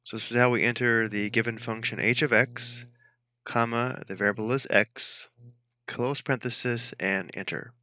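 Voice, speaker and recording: A man narrating a math tutorial as an instructor, dictating each entry step by step in a measured way. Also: mid-range voice, fairly even intonation, pushed and bright, dull audio.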